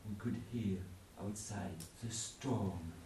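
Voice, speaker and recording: A man with as his performs a theatrical tall tale at a slow, halting pace. His delivery swings from hushed to loud. He is picked up from a distance in an echoey room with faint noise. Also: on the low side. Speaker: contestant storyteller. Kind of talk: theatrical spooky tall-tale storytelling before an audience.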